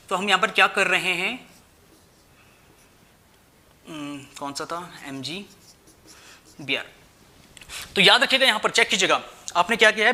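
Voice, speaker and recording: Bright-voiced young male chemistry teacher. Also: high-pitched. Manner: repeats "theek hai" and asks rhetorical questions; addresses students as "bhai". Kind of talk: explaining at a whiteboard, Hindi-English mix.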